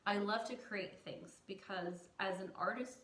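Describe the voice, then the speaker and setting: A woman's voice: medium pitch, unhurried, fairly bright tone, recorded from a distance, slight background noise. A woman who teaches design, talking to viewers in a chatty, emphatic way with self-mocking humor. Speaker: design educator. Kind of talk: casual teaching monologue. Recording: roomy echo, voice off-mic.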